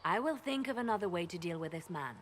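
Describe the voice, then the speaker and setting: Woman doing a cold spymaster lady from a game, low voice, short clipped orders. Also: expressive, quick pace, slight background noise, natural voice. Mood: stern. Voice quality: clipped, commanding, hushed. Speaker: spymaster character in a video game.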